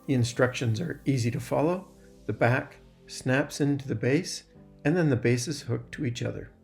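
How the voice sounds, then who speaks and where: Male narrator, gravelly fry, mid pitch, scripted explanatory voice-over, soft guitar backing. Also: moderate pace. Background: guitar music.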